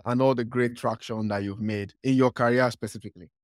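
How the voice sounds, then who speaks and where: A man's voice: medium pitch, fairly even intonation, brisk, dry recording, clean studio sound. A man hosting a podcast, upbeat and casual, with filler words as he asks questions. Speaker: podcast host. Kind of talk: casual interview talk.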